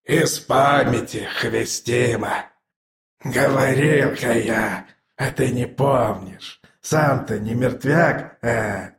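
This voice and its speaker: A man voicing an old undead corpse who drawls in a hoarse, choking wheeze. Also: mid-range voice, reverberant. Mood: reproachful. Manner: drawn-out, choking speech. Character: wheezing undead male corpse, old, pompous then folksy. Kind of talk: audiobook character voice.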